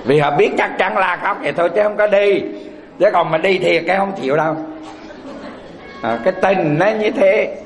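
A Buddhist monk giving a folksy sermon, often asking the audience rhetorical questions. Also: male voice, sits high, normal speed, some chatter behind. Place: temple hall. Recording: echoey hall.

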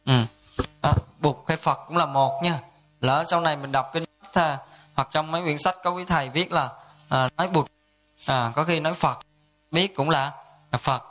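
Monk teaching a class. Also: male voice, on the high side, normal speed, fairly bright tone, faint music behind. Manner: conversational, asks listeners to confirm often. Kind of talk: dharma class lecture. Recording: dull lo-fi sound.

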